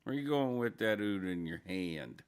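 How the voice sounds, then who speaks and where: Greeting viewers by name, a man hosts a casual morning livestream in a drowsy, rambling way. His morning voice is low and gravelly, yet expressive, and he keeps a moderate pace.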